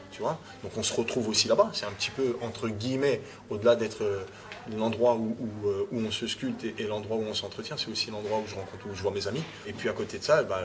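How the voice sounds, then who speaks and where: Interviewed against a noisy background, a rapper speaks casually in a fairly low voice. He repeats words and keeps restarting phrases, often tacking on "tu vois".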